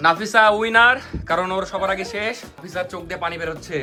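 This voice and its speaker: A man's voice: sits high, fast talker. A man chatting casually as the host of a challenge vlog. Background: clear music.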